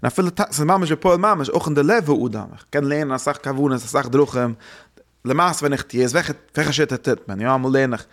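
A man giving a religious lesson, thinking aloud in halting phrases that he often repeats and restarts. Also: mid-range voice. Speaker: religious teacher.

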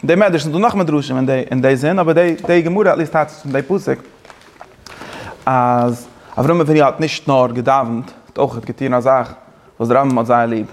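A man teaching a Torah class, talking fast with many restarts and mixing in Hebrew and English phrases. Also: mid-range voice. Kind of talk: Talmud-style lecture.

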